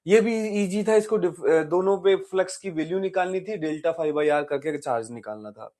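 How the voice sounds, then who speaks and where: A male physics tutor with a fairly high voice explains exam problems in a lively, conversational way. He keeps checking in with his students and slips English technical terms into his talk. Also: normal speed. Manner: lively, chatty teaching that asks the students questions. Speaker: physics teacher. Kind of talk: exam-prep physics lecture.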